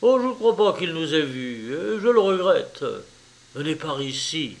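A male narrator lifts his voice into a daring gentleman burglar of a storybook crime tale. He speaks up, brisk and commanding, yet the delivery stays measured and slow. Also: a little high, expressive, pitched above the performer's own voice. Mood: determined. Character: bold gentleman burglar, man, cool and commanding.

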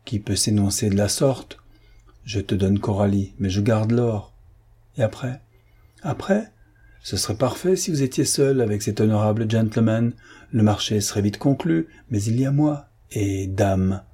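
A man voicing a mocking, ironic gentleman adventurer in an audiobook reading. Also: on the low side, moderate pace, husky.

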